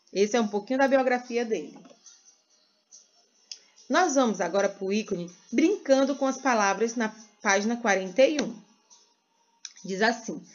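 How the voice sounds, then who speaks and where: Teacher with a sing-song voice. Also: female voice, fairly high pitch, lo-fi sound. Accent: Brazilian Portuguese. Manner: slow and sing-song, stretching words for small children. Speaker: first-grade teacher. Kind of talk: teaching a recorded lesson to young children.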